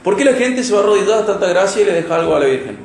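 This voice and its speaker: A man with an Argentine Spanish accent preaches an expository sermon from the pulpit. His voice sits a little high, and he swings from loud, emphatic peaks to soft, quiet passages. The sound is roomy, with the echo of a church hall and a faint hiss. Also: very animated, racing. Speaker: pastor.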